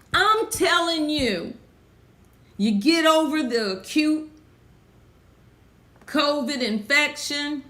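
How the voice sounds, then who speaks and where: A woman preaches in a high voice with a slow, deliberate pace, stretching key words for emphasis. She calls out and answers her own questions with fervent energy. The room around her rings with echo. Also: sharp tone. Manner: fervent call-and-response preaching, rising to high exclamations; drawn-out emphatic phrasing. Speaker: preacher and health speaker. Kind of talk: preaching sermon mixed with health talk. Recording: echoey room.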